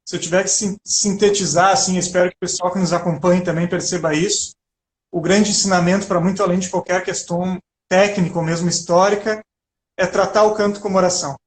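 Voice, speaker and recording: A man's voice: high-pitched, fairly even intonation, a little fast. A man with a Brazilian Portuguese accent, co-hosting a video-call chat and speaking reflectively and earnestly about sacred music. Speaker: co-host, liturgical music educator. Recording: roomy video call audio.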